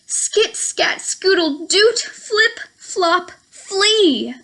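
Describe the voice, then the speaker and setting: A young adult woman reads a picture book aloud at a children's storytime, slow and sing-song, very animated, with playful whispers. Her voice is extremely high-pitched.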